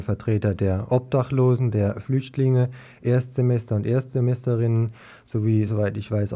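On a muffled, dull, lo-fi local radio recording, a male interviewer with a warm mid-range voice poses questions. He feels his way through them in a tentative, searching manner.

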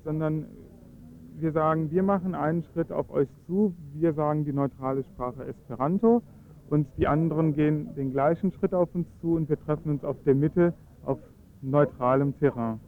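Heard through narrow, tinny audio, this German-native man promotes Esperanto in a radio interview. His fairly high voice keeps a steady tone at a moderate pace while he earnestly lays out his views, pausing and hesitating frequently.

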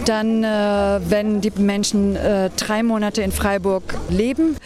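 A woman campaign organizer giving a street interview outdoors, explaining earnestly with frequent hesitant fillers. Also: medium pitch. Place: outdoors in front of a theater. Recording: busy outdoor street crowd. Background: crowd chatter.

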